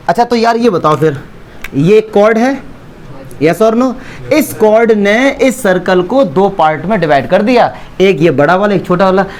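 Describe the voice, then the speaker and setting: In a classroom lecture, a man teaches maths, posing questions and answering them himself while joking with his students. His voice sits high, with a slight hiss or hum.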